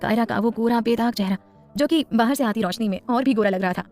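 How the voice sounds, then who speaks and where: Brief: woman narrator for a serial audio story, rapid, dramatic delivery over soft music. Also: a little high.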